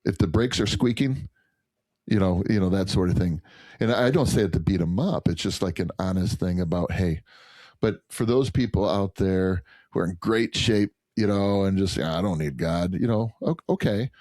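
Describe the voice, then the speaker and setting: A man with a very low, mellow voice talks earnestly in a casual podcast conversation, often restarting his thoughts. The sound is dry and close, with no room around it. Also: moderate pace, dry recording. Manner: earnest, rambling with many restarts. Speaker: podcast guest, chiropractor.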